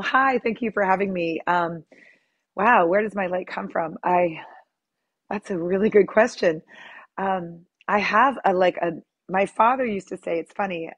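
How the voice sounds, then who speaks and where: A woman's voice: on the low side, slightly rough, dry recording, lo-fi sound. A middle-aged woman, a yoga teacher, talking as an interview guest, chatty and often laughing with many ums. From born in Lebanon, raised near Boston. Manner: warm, laughing, lots of ums. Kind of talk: casual interview.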